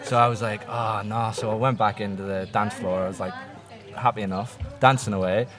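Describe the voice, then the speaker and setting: A man's voice: on the low side, a little fast, a crowd in the background. A young Irish man in his twenties, telling a rambling anecdote in casual podcast talk. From Ireland. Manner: rambling anecdotal storyteller, animated quotes. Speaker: guest. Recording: music playing in the background.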